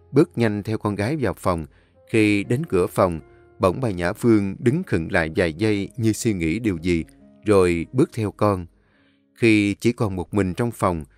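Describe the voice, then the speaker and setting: Calm low-voiced storyteller. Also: male voice. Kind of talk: scripted story narration.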